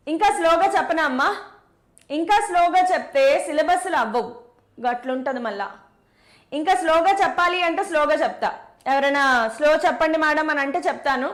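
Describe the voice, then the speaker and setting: A woman teaching a physics class live online, explaining step by step, repeating key points and answering chat comments. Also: high-pitched. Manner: brisk, repeats key steps, mixes English terms into Telugu.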